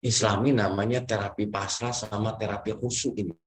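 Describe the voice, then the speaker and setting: A man with a lowish, fairly even voice gives a brisk, chatty lecture on prophetic medicine, a religious approach to health. He peppers it with tag questions and acts out a patient's prayers while teaching.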